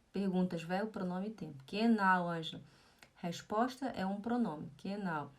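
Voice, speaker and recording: A woman's voice: medium pitch, darkish tone. A young Brazilian woman teaching German in a live-streamed lesson, chatting and reading viewers' comments aloud with frequent "né?". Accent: Brazilian Portuguese.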